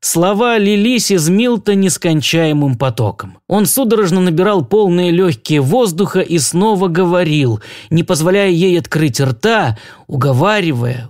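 Выразительное чтение аудиокниги мужским голосом. Тон высокий, интонация подвижная и яркая. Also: male voice, fairly high pitch. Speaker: audiobook narrator. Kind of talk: audiobook reading.

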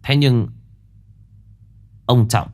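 A man narrating a ghost story in an expressive, dramatic storytelling manner. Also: medium pitch, extremely slow.

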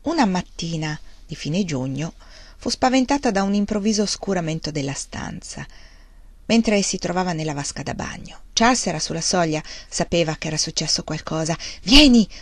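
A woman reading a novel aloud as narrator, measured and soft, slowing on key words. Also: on the low side, lively intonation, no room sound. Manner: measured, soft, with slowed emphasis.

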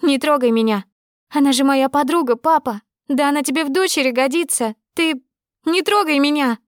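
A woman narrator gives voice to a furious young woman, shrill and close to tears. She shouts and accuses in a high, raised voice. The recording is dry and close. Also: moderate pace, no echo, close to an everyday voice.

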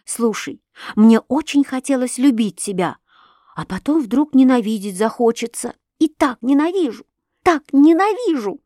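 A woman voicing an impulsive, proud young princess who talks emotionally and bursts into excited outbursts. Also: a little high, normal speed, dry recording, studio quality, natural voice. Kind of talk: audiobook reading.

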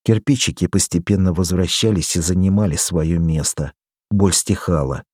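A man narrating a story in the first person, measured and steady. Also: low-pitched, no room sound, studio quality. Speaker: audiobook reader.

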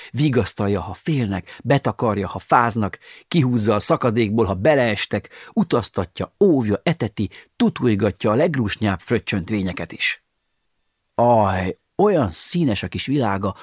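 A man's voice: fairly low pitch, breathy edge, no echo, clean studio sound. A man narrating an audiobook in a wry, ironic storytelling manner, with sighing asides.

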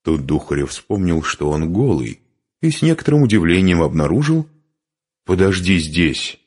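A man reading an adventure novel aloud as narrator, in an expressive storytelling manner. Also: low voice, a little fast. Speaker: audiobook narrator. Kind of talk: scripted narration.

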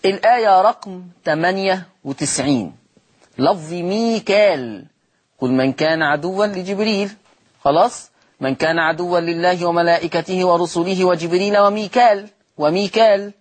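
Speaking at a normal pace with a high voice, this Egyptian man teaches recitation rules on television. He answers his own questions and lingers on every example word, saying it more than once.

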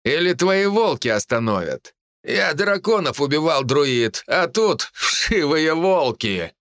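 A man voicing an arrogant male archer leading mercenaries, boastful and defiant, often shouting. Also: on the high side, big pitch swings, takes it slowly, no echo, clean studio sound, full character voice.

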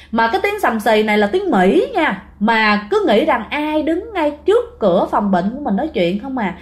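Woman, casual ghost-story teller, chatty, rather high voice. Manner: chatty, keeps addressing listeners directly.

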